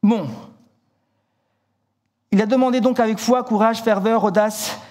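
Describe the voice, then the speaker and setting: A man preaching a sermon in church, telling a story vividly and acting out the shouted lines, often repeating words and restarting. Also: sits high, fairly even intonation, unhurried.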